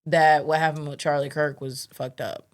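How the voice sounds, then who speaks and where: Casting: low-pitched woman, casual profane podcast co-host, laughs a lot. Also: flat delivery, normal speed, noisy background. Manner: laughs often, profane, acts out quotes. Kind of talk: casual chat.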